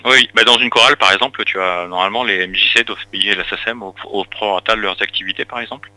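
A man's voice: fairly low pitch, fairly even intonation, fast talker, pushed and bright, dry recording, poor audio. A man interviewed on radio as an association president, explaining at length with many hesitations and restarts.

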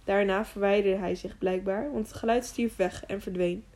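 A woman reads a storybook aloud in a calm, steady voice. Her pitch sits right in the middle of the range for women. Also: moderate pace. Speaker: audiobook narrator. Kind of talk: scripted narration.

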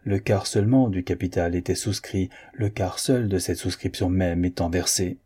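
Male audiobook narrator: dark, mellow low voice with a husky edge, measured reading. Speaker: audiobook reader.

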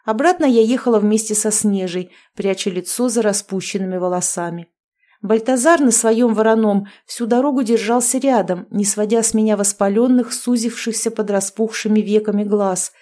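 A woman's voice: medium pitch, dark tone. A woman reading a first-person fantasy novel aloud as an audiobook narrator, telling it expressively.

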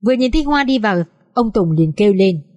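Casting: a female audiobook narrator, expressive and measured, dry studio sound. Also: medium pitch, no room sound, lo-fi sound. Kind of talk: dramatic story reading.

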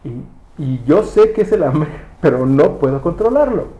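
Preacher with a mellow, echoey voice. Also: male voice, fairly high pitch, expressive, a little slow. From Mexico. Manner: conversational, restarts words, asks rhetorical questions. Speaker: pastor. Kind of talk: sermon.

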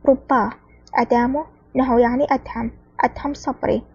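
A woman's voice: fairly high pitch, fairly even intonation, fast talker, gravelly, mellow, husky, no echo, dull audio. A woman reading the lines of a sly, mocking male mafia lieutenant in an audiobook. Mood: alarmed. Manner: sneering, later panicked.

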